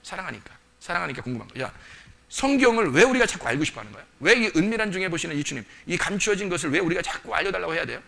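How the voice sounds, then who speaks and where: A male pastor preaching a sermon, animated, asking the congregation questions and acting out quoted voices. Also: high-pitched, rapid-fire, vocal fry.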